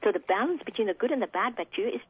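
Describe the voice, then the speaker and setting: Woman physician guest, husky voice over a phone line, thoughtful and explanatory. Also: on the high side, expressive, rapid-fire, no echo. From Singapore. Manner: explanatory, frequent fillers and restarts. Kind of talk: radio interview answers. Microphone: telephone.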